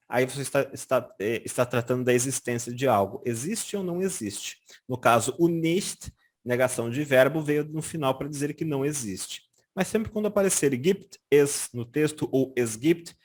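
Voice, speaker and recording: A Brazilian man teaching German in a casual lesson, often checking in with "tá?" and saying German examples slowly and carefully. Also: on the high side. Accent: Brazilian Portuguese. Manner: lively, frequent "tá?" check-ins, slow careful German examples. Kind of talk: casual explanatory language lesson.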